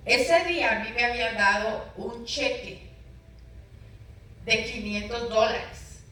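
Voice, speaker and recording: A woman's voice: fairly high pitch, takes it slowly, fairly bright tone. A middle-aged woman pastor telling her personal testimony in an interview, emotional and storytelling, acting out remembered conversations. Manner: emotional, storytelling with dramatic retold dialogue. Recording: very echoey room, voice from far off.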